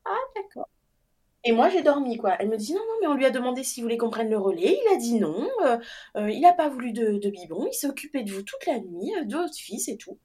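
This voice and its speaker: Animated woman telling a personal story. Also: on the high side, fast, husky. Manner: animated, acts out quoted dialogue, laughs often. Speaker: guest telling her birth story.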